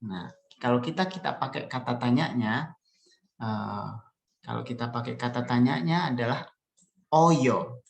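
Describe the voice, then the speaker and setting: A male language teacher giving an online lesson, patiently modelling sentences slowly and explaining. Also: mid-range voice, gravelly. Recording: roomy echo.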